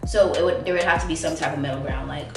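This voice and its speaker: Lower-pitched woman chatting over music. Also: fairly even intonation, fast, distant mic. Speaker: guest co-host. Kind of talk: casual chat. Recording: echoey room, music clearly behind.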